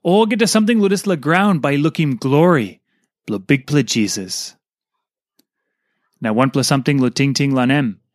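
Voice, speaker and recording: A man with a Papua New Guinean accent reads a scripted devotional in Pidgin, in short measured phrases. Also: medium pitch, dry recording, studio quality. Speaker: devotional reader.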